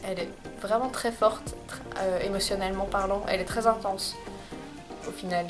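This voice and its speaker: A woman's voice: medium pitch, fairly even intonation, moderate pace, over music. Chatty young woman vlogging. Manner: chatty, hesitant, with many fillers and restarts. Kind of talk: casual monthly recommendations vlog. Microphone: camcorder microphone.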